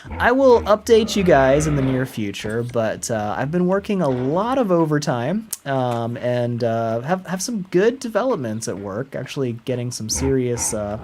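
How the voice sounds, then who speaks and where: A man live-streaming a game, chatting casually and upbeat, rambling with fillers and soft laughs. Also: medium pitch, big pitch swings, moderate pace, few pauses, noisy background. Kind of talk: casual live-stream chat while playing.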